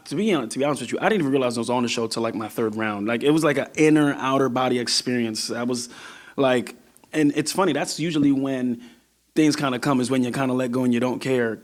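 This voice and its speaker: A male singer from New York talking as a podcast guest. He speaks thoughtfully in a relaxed, conversational way, often breaking off mid-sentence and starting his thought over. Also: mid-range voice. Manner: reflective, restarts often. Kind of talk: casual interview talk.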